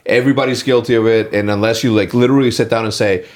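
Late-30s guy hosting a chill sit-down chat, kinda low voice, rambles and opinionates a lot. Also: steady tone, quick pace. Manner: rambling, opinionated, many fillers. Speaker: podcast host.

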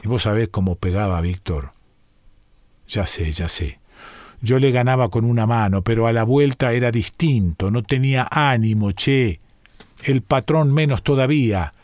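A man's voice: medium pitch, a little mellow, dry recording, studio quality. A man with a Rioplatense Argentine accent reading a short story aloud, speaking as an ailing bedridden former boxer in a rambling, confiding, colloquial way. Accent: Rioplatense Argentine Spanish. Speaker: reader.

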